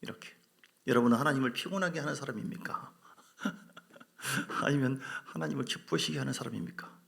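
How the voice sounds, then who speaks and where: Gravelly-voiced pastor preaching. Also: male voice, medium pitch, a little fast. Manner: dramatic, swings from loud to whispered; acts out voices of biblical figures. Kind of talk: sermon.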